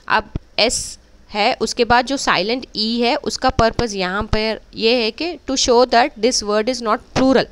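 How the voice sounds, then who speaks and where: A woman teaches spelling to kids, explaining each word in slow, even steps. Her voice is smooth and crisp. She speaks at an unhurried pace, like a patient teacher. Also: medium pitch. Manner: clear, careful teacher-like explanation, slow drawn-out English words. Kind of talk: bilingual spelling lesson.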